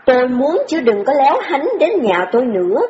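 A woman's voice: high-pitched, sing-song, a little fast, a crowd in the background. Woman playing a cold, dismissive ex-lover. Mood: warning. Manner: curt, dismissive. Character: cold young woman rejecting her former lover. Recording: echoey hall with a long reverb, lo-fi.

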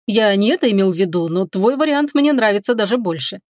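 A woman voicing a brooding young male detective in an audiobook, speaking in terse, low-key replies. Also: animated, fairly quick, darkish tone, no room sound, studio quality, lightly acted.

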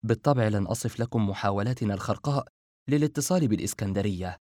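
A man reading a story aloud as an audiobook narrator, in a steady, measured way. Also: on the low side, dry recording, clean studio sound.

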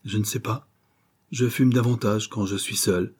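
A man's voice: lowish voice, fairly even intonation, normal speed, a little mellow, breathy edge. A man reading a novel aloud, voicing an eager young sailor who has become a writer. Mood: earnest. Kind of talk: audiobook character reading.

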